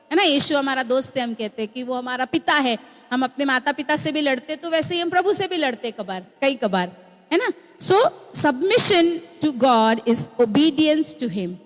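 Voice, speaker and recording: A young adult to middle-aged mother of a small child preaches a sermon in a church hall with a high, slightly bright voice. She teaches as she goes, regularly asking the congregation "है ना?", and the recording carries the hall's long reverb.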